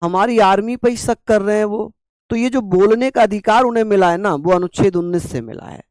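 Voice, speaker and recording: A male teacher with a fairly high, smooth and resonant voice delivers a classroom lecture. He keeps asking rhetorical questions and slowly repeats the key terms. The sound is dry, with no room echo. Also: darkish tone.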